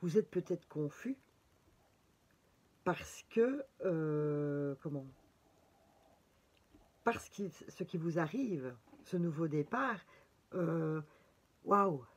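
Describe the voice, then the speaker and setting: A woman's voice: deep voice, lively intonation, extremely slow, pauses often, husky. A woman with a Belgian French accent giving a casual horoscope reading with cards, chatty and full of fillers and exclamations. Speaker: tarot reader.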